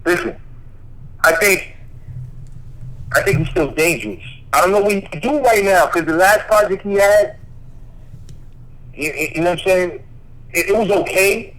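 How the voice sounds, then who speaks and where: A man's voice: high voice, lively intonation, moderate pace, long pauses, fairly bright tone, rough recording. A man co-hosting a podcast in casual, heated chat, talking emphatically and cutting in to make his point. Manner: emphatic, keeps cutting in with "listen". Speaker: podcast co-host.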